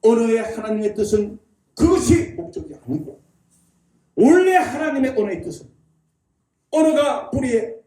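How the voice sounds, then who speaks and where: High-voiced man lecturing in an echoey hall. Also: sing-song, moderate pace, pauses often, mellow. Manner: drills the audience in call-and-response repetition; folksy, chuckling delivery. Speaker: lecturer at a church. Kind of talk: public lecture to a live audience. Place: church hall. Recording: echoey hall, mic at a distance.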